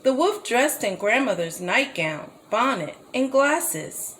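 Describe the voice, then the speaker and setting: A woman reading a children's story aloud as a storybook reader, slow and gently expressive. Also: a little high, slight background noise, poor audio.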